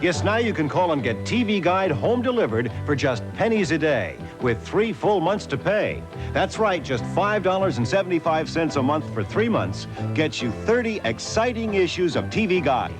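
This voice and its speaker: Chipper American ad man, high lively voice. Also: normal speed. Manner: chipper, emphatic salesman delivery. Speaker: TV commercial pitchman. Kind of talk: upbeat scripted advertising pitch. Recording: music bed behind the voice.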